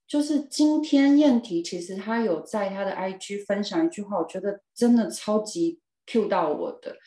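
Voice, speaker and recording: Guest, woman, 40s; mellow, expressive storyteller, echoey room. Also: mid-range voice. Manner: expressive, lively storytelling with laughs and emphatic repeats. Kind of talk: personal storytelling in a podcast interview. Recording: roomy echo.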